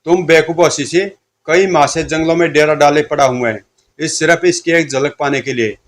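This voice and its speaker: A man's voice: on the high side, steady tone, normal speed, slight background noise, natural voice. A man voicing a greedy, boastful male villain chief who mocks his enemies. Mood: gloating. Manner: boastful, mocking laugh.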